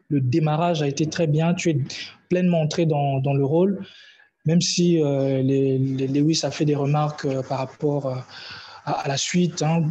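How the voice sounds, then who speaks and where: A man with a fairly high, husky voice leads a speaking club session, stopping and restarting his phrases often. The recording sounds dull and lo-fi. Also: dark tone. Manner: hesitant, repeats words, many fillers. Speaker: meeting leader and evaluator. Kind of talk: public speaking club meeting.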